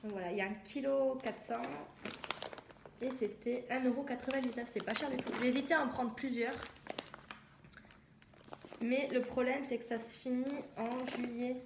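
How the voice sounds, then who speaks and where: A woman's voice: on the high side, fairly even intonation, moderate pace, gravelly, pauses often. A young woman from southwest France chatting casually in a haul video, hesitant and full of fillers. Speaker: vlogger. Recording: echoey room with noise.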